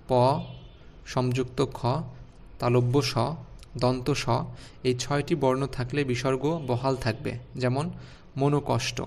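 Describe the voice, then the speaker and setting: A man's voice: medium pitch, vocal fry, darkish tone. A man teaching an online spelling lesson, explaining rules step by step and putting questions to his students. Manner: explains step by step, asks the class rhetorical questions.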